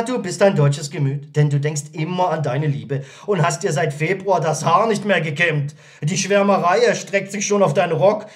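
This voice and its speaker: Guy putting on a high falsetto voice, skinny loud tailor lad, bossy and teasing, audiobook. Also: close to an everyday voice. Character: lanky jittery tailor journeyman, brash, teasing.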